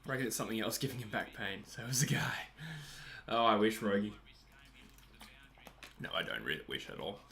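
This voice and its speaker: A man's voice: lowish voice, very animated, a little fast, gravelly, pauses often, fairly bright tone. A man in his twenties with an Australian accent, hosting a casual livestream and chatting as he reads out viewer messages. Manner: chatty, rambling, self-deprecating. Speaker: livestream host reading chat. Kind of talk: casual live chat over a cricket match.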